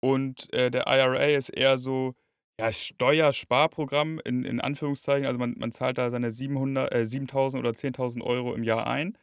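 A man's voice: mid-range voice, little pitch movement, a little fast, smooth, no echo. Casual man, close dry sound. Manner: colloquial, reacts with short affirmations. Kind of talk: casual chat.

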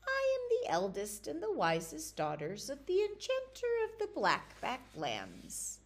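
Shrill sly enchanter's daughter from a storybook, lively swoopy voice, as a lady reader puts her on. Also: a little slow, exaggerated voice. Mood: warning. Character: scheming young enchanter's daughter, shrill and cunning.

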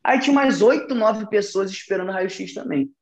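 A young man, telling an anecdote in casual chat, profane and animated. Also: high-pitched, brisk. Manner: profane, animated, slangy storytelling. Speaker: podcast storyteller.

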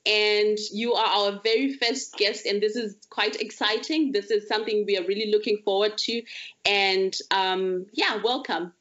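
A woman speaks at a middle pitch as a podcast host. She introduces and questions her guest conversationally. The sound is slightly muffled. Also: steady tone, moderate pace, a bit bright. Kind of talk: conversational interviewing.

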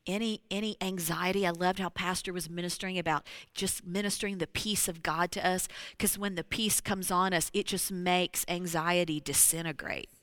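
A woman preaching a sermon to a congregation. She talks to them directly, slips into hushed whispers and then rises to loud exclamations. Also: on the low side, fairly even intonation, fairly quick, hardly any pauses, no echo. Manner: addresses the congregation directly, with frequent "you know".

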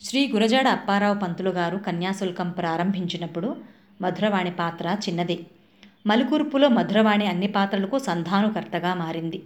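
A woman's voice: mid-range voice, brisk. A woman reading a short review of a classic play and its film, lifting her voice for quoted dialogue.

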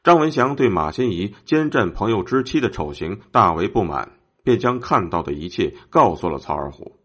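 A man's voice: on the low side, very animated, normal speed, a bit bright, slightly rough. A man narrating a historical story in a scripted storytelling style.

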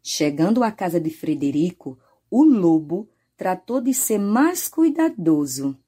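A woman's voice: lowish voice, very animated, a little slow, dark tone, slightly rough. A Brazilian woman, a teacher, narrating a children's story.

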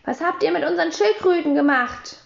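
A woman reading a children's story, voicing a loud, excitable and boastful young schoolboy with eager, exclaiming lines. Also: very high-pitched, fairly quick, vocal fry, reverberant, highs cut off, pitched above the performer's own voice. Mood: excited.

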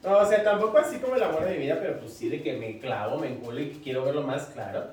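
A man co-hosting a casual chat, quick and wisecracking. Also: on the high side, lively intonation, darkish tone, recorded from a distance. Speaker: co-host. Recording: roomy echo, away from mic.

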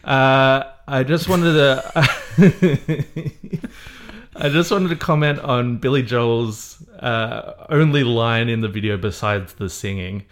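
A man's voice: medium pitch, slow. A man co-hosting a podcast in casual chat, laughing often and poking fun at himself. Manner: laughs often, self-deprecating. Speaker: podcast co-host.

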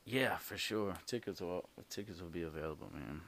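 A man chatting casually as a festival organizer on a podcast, laid-back and halting, with many fillers and restarts. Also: deep voice, fairly bright tone.

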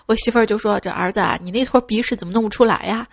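A woman's voice: medium pitch, very fast. A woman hosting a show of funny stories about children, reading them in a playful way and putting on childlike voices for the kids. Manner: playful, slips into childlike voices for kids' lines. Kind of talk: radio-style comic storytelling.

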